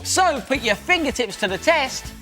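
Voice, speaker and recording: A man's voice: very high-pitched, expressive, normal speed, bright, forceful tone, faint music behind. A man presenting a children's craft show, cheery and jokey while demonstrating. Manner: cheery, jokey, talks to a puppet.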